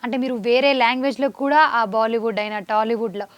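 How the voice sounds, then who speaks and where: A woman's voice: fairly high pitch, a little fast, no echo. A woman interviewing a guest in a casual chat, enthusiastic and effusive with her praise.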